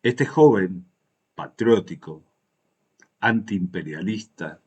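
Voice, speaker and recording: An Argentine man hosting a political video, giving patriotic commentary to viewers in solemn, emphatic oratory with short deliberate phrases. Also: sits low, darkish tone, breathy edge, lo-fi sound. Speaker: political interview video host.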